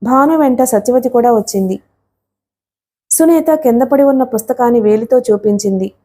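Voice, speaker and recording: Female audiobook narrator, slightly high, soft mellow tone, steady storytelling read. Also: normal speed. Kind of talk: scripted narration of a novel.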